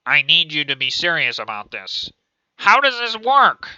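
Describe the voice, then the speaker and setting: A man's voice: medium pitch, lively intonation, moderate pace, pushed and bright, clear, resonant tone, no echo. A man voicing a bossy, impatient male agency chief who gives curt orders, on a dull lo-fi recording. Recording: dull lo-fi dry home recording.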